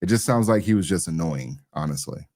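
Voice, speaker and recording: A man's voice: sits low, animated, a little fast, a little mellow, no echo, studio quality. A man giving casual, opinionated commentary as a co-host, slangy and rambling, often repeating his phrases. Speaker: talk show co-host.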